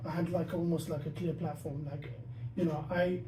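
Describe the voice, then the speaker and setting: Recorded in an echoey room with a distant mic and faint noise, a young podcast host talks through his ideas in casual discussion, in bursts full of restarts; Dutch isn't his first language. His slightly high voice is warm and level at a moderate pace.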